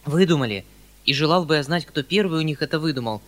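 A male reader voices a kindly older landowner uncle, fussing and hurrying over his words. His voice is raised, loud, bright and a little high. The delivery is excitable and slightly pleading, with a flustered, eager mood.

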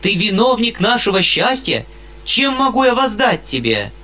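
A man's voice: high-pitched, very animated, moderate pace, sharp tone, pitched above the performer's own voice, heavily acted. Male reader doing an overwrought, big-hearted colonel. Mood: fervent. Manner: fervent, overwrought. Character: emotional, good-hearted middle-aged colonel.

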